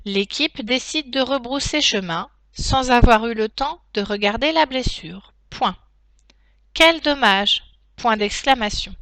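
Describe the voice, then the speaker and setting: A woman teacher dictating a text to pupils, phrase by phrase, in a deliberate, carefully articulated way with pauses. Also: on the high side, fairly bright tone, dry recording. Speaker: primary school teacher.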